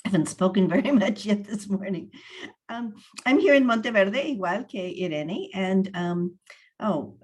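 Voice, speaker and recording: A woman's voice: medium pitch, expressive, moderate pace, darkish tone. A woman introducing herself on a video call, laughing and fumbling for words. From United States.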